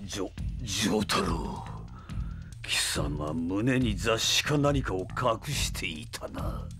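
A man voicing an arrogant, sadistic male vampire villain in an audio drama, with theatrical, menacing, drawn-out delivery. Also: sits low, expressive, over music. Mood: enraged, shocked. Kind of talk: Japanese anime-style audio drama acting.

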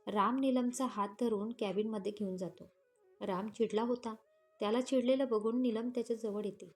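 Brief: woman storyteller, fairly high voice, steady scripted narration, faint music behind. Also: normal speed.

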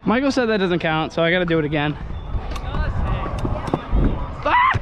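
A man's voice: high voice, wildly swooping pitch, normal speed, lo-fi sound. A young man filming himself at an outdoor skatepark on an action camera, chatting casually, swearing and laughing at himself. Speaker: scooter rider filming himself. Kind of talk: casual self-filmed vlog commentary. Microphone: action camera on handlebars. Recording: noisy outdoor camera audio.

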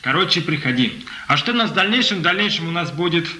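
A man's voice: fairly high pitch, expressive, quick pace, pushed and bright. A young man co-hosting a TV contest in a casual presenting style. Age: young adult. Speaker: TV show co-host. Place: small TV studio, indoors. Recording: very noisy, echoey studio sound.

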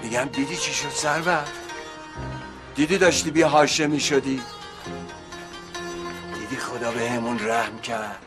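A man's voice: mid-range voice, steady tone, long pauses, over music, lightly acted. An actor playing a middle-aged husband back from his supposed death, pleading and joking with his angry family in a comic TV series. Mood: exasperated. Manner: pleading and joking, then exasperated. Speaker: father of the family.

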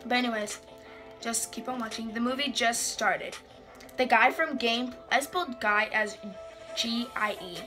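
A teenage girl vlogging from a small indoor bedroom reads entries from an old journal in a relaxed way, joking about herself as she goes. She speaks unhurriedly in a fairly high voice over music.

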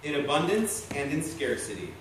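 Young guy officiant reading wedding vows, lively pitch, far off mic w lots of noise. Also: normal speed. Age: young adult. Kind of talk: reading ceremony vows aloud from a tablet. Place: inside a church at a wedding. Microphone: distant camera. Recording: echoey church, distant mic, loud ambient noise.

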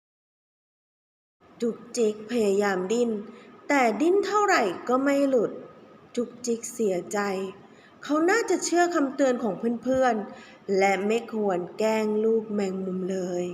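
A kindergarten teacher tells a children's story expressively, stretching key words for her young listeners. Her slightly high voice swings widely in pitch at a measured pace, and the room is echoey with faint background noise.

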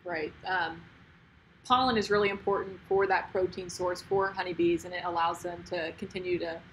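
A woman's voice: lowish voice, steady tone, normal speed, slight background noise, poor audio. A young woman leading the discussion in a friendly way, with many ums and you-knows. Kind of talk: casual discussion.

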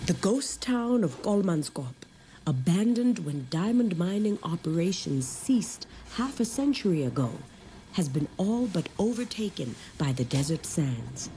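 A woman's voice: fairly low pitch, big pitch swings, measured pace, warm tone, slight background noise. A woman reading scripted narration for a nature documentary.

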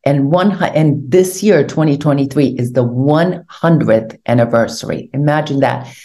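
Low, mellow-voiced woman on a video call. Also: moderate pace. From Hungary. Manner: animated storytelling, gesturing with hands. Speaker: guest, tour organizer. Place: home room indoors. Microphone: video call webcam.

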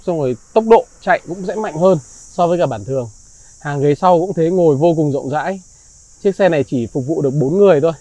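A man giving a slick, polite used car salesman's walkaround pitch, praising and reassuring as he goes. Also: a little mellow, dry recording, rough recording. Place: outdoors beside and inside a parked car.

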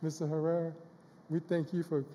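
A woman presents a certificate onstage, speaking warmly and off the cuff. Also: low voice, little pitch movement, fairly quick, long reverb tail, slight background noise. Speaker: event presenter giving an award. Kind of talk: award presentation.

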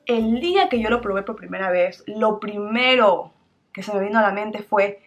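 A woman's voice: medium pitch, moderate pace, faint music behind. A young adult woman talking casually and with bubbly energy as she reviews a perfume for her vlog, often leaning on words like "súper". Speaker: beauty vlogger.

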